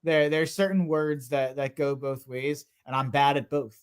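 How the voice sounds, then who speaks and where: Chatty man with a slightly high voice. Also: moderate pace, smooth. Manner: rambling, animated, lots of "like". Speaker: co-host. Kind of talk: casual sports chat.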